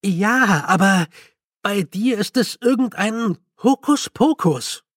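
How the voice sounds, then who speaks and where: A man's voice: sits high, animated, slow pace, a bit bright, no echo, clean studio sound, pitched above the performer's own voice, exaggerated voice. Man doing a frantic, agitated young con man. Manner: agitated, breathless and pleading. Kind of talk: audiobook character voice.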